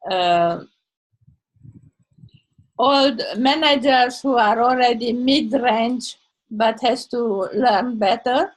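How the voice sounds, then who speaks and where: This is a blogger and Toastmasters member, an older woman from Transylvania, Hungary, with Hungarian as her first language. Chatting casually in English over a video call, she's slow, halting and high-pitched, hunting for words with non-native grammar, and the recording quality is low.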